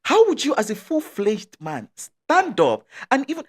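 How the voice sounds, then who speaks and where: A man's voice: very high-pitched, huge pitch swings, unhurried, slightly rough. A man with a Nigerian accent hosting a casual chat, emphatic and often laughing as he makes his points. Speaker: podcast host.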